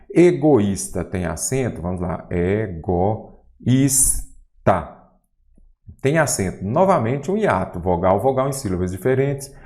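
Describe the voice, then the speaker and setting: A man with a Brazilian Portuguese accent teaching a grammar lesson for exam prep, talking straight to the viewer and asking questions as he goes. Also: fairly low pitch. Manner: didactic, lively, addresses viewer directly with questions.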